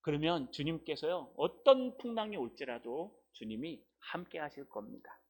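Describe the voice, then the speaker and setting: A man's voice: a little high, lively intonation, moderate pace. A man preaching a sermon as pastor, firing off rhetorical questions to the congregation and building up emphasis.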